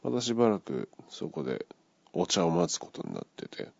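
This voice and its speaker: A man with a very low, gravelly voice tells a dream he had in a relaxed, chatty way, and his pitch swings widely. He acts out the people in the story. The recording is dry and sounds dull and lo-fi. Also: moderate pace, dry recording. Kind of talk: casual retelling of a dream.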